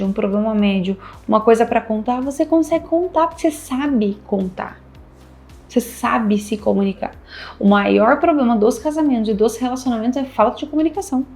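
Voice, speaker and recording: A woman's voice: fairly high pitch, dark tone. A Brazilian woman, a couples therapist, giving relationship advice in a casual, emphatic way and repeating her key points. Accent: Brazilian Portuguese. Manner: emphatic, repeats key phrases, acts out little dialogues. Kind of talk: casual advice talk to camera.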